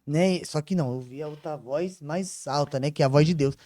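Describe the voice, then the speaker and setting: A man co-hosting a church talk show, telling a personal story with lively acted-out voices. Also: fairly high pitch, brisk, no room sound. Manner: animated storytelling, acts out voices. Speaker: co-host. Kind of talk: casual testimony chat.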